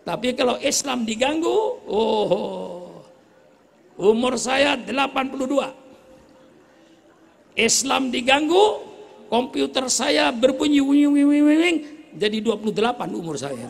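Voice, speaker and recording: A man in his eighties preaching a sermon to a gathering, joking with the audience and rising to shouts. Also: very high voice, expressive, a little slow, gravelly, long pauses, breathy edge. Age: 80s. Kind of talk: religious sermon. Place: gathering before a crowd.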